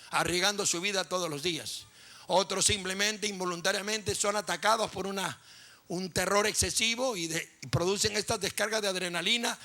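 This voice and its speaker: A man's voice: sits high, sharp tone. A man preaching a sermon as pastor, impassioned and repetitive, telling stories vividly.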